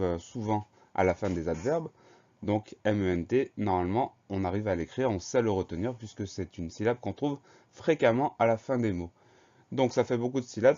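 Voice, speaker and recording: A man's voice: fairly low pitch, mellow, muffled recording. A man teaching a children's spelling lesson, patiently explaining words and spelling them out letter by letter.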